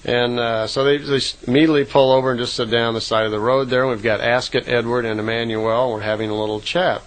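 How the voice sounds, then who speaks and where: A man's voice: medium pitch, steady tone, fast, low-quality recording. Rambling man retelling a story. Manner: rambling retelling with fillers and self-corrections. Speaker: radio guest retelling a contact story. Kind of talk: casual spoken storytelling.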